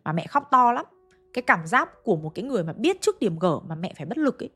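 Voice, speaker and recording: A woman's voice: mid-range voice, very animated, fast, fairly bright tone, slightly rough. A woman telling a ghost story in a chatty, conversational way, often speaking straight to her listeners. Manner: chatty, addresses listeners directly. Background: faint background music.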